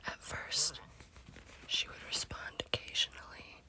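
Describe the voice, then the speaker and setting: Slow and deliberate, a woman's breathy whisper carries a spooky ASMR story series that she hosts.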